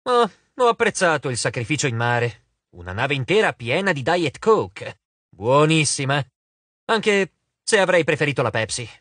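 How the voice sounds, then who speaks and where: A man's voice: on the high side, big pitch swings, normal speed, fairly bright tone, no room sound. A man voicing a vain, lordly male god of wine in an audiobook, drawling and dismissive. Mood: drawling, bored. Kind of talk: audiobook character voice.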